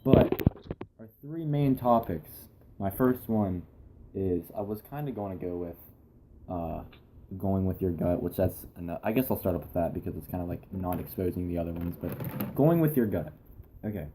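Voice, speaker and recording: A man's voice: low-pitched, animated, moderate pace, noisy background. A young man hosting a casual podcast, rambling through topics with a lot of restarts and laughter. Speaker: podcast host. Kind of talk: casual chat.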